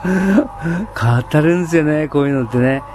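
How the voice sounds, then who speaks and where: A man's voice: fairly high pitch, expressive, measured pace, noisy background. A man chatting on his own in standard Japanese, enthusiastic, with many fillers and frequent laughs. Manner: enthusiastic storytelling. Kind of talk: casual solo chat.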